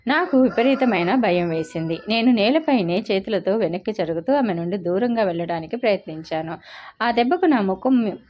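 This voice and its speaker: Woman storyteller, mid pitch, dramatic and emotional first-person novel narration, slightly dull lo-fi sound. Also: expressive, normal speed, a little hiss or hum.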